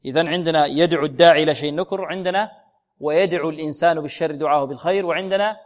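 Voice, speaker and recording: A man teaching Quran recitation in a lesson, asking questions and answering them himself, and drawing out verse words slowly and repeatedly. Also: a little high.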